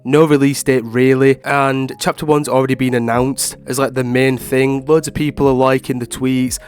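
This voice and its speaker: A man with a stuffed-up, nasal sound from being ill talks at a middling pitch. He gives informal gaming commentary in a loose, rambling way, as if thinking through his opinions for his viewers. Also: flat delivery, moderate pace, darkish tone, clean tone, faint music behind. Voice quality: nasal, congested. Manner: informal, rambling, frequent hedging with "like" and "obviously". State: ill with a blocked nose. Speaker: gaming video creator.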